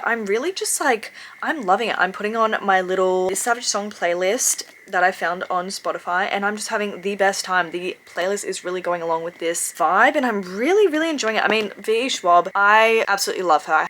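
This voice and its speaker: Young woman from the UK, casual vlog chat, chatty and excited, lots of fillers, faint background hum. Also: medium pitch. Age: young adult. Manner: chatty, filler-heavy, enthusiastic. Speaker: book vlogger.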